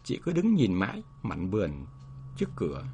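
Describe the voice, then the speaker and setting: A man narrating a story aloud in a measured, expressive way. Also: deep voice, a little hiss or hum.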